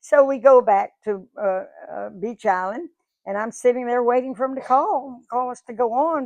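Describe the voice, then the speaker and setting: On the high side and dryly recorded, this Georgia woman in her 90s speaks as a guest at a museum event, chatting folksily through her life stories. She acts out quoted dialogue for the live audience.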